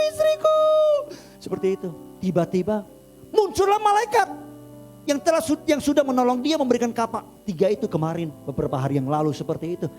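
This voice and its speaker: An Indonesian male pastor tells a story during a sermon in a very high-pitched voice. His delivery is dramatic and animated, punctuated by sound effects made with his mouth.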